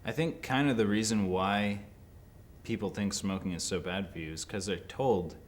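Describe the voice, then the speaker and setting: A man in his early twenties giving interview answers in a laid-back, skeptical, unhurried way. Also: on the low side, slight background noise. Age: 20s.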